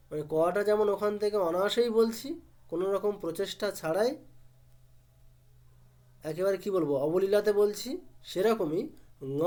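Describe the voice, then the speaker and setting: A man teaching pronunciation step by step. He asks and answers his own questions and drills each sound slowly. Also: high voice, mellow.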